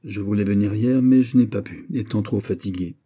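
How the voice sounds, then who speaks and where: A calm, cunning bishop, voiced by a male narrator questions his host in a measured, insistent tone. The voice is low, dark and husky. This is a classic novel read aloud. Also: natural voice. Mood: probing. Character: calm, shrewd male bishop, smoothly probing.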